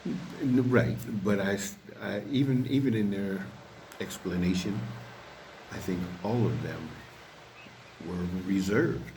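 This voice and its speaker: A man co-hosting a conversational recap in a halting, repetitive way, recorded on an outdoor balcony with a slight echo. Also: on the low side, darkish tone. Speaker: podcast co-host. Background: waves, ambient noise.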